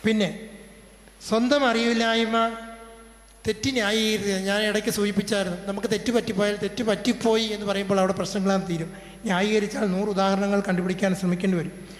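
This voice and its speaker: A middle-aged priest with a Kerala Malayalam accent preaches slowly and steadily, pausing between his points. His voice sits high for a man. It rings out with a long reverb, as if he is speaking in a large hall. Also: little pitch movement. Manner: slow, measured preaching with spoken examples. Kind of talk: sermon on family life.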